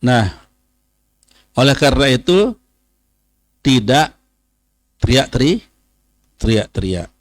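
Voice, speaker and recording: A man, teaching a religious study session, who says Arabic phrases slowly and then explains them. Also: medium pitch, big pitch swings, no echo. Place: pesantren study hall.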